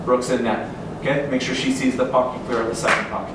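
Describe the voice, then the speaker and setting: A man's voice: mid-range voice, level tone, fast talker. A middle-aged man, a coach, gives a motivational pregame pep speech in short, clipped instructions in a locker room. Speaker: hockey coach. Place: large indoor team locker room. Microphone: far camera across the room. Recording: echoey room, distant mic, background noise.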